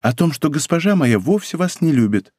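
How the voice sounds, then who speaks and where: A man reading an audiobook voices a gentle young female maid who speaks softly and pityingly. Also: on the high side, big pitch swings, fairly quick, no room sound, studio quality.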